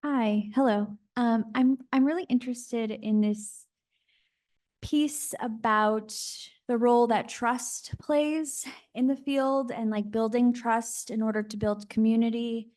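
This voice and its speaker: Slow, hesitant woman asking a question. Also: a little high, fairly even intonation, darkish tone. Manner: hesitant, searching for words. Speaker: audience member asking a question. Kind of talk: audience question.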